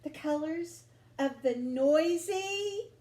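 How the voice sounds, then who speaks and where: A woman gives a picture-book reading for children, her high, lively voice moving up and down. Vivid words get stretched out with dramatic, careful delivery, and her voice echoes noticeably in the room.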